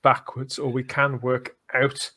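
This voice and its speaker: Here the fan podcast host speaks in a mid-range, monotone voice with a sharp edge, a little slowly. His casual, conversational style has him rewording his points and seeking agreement.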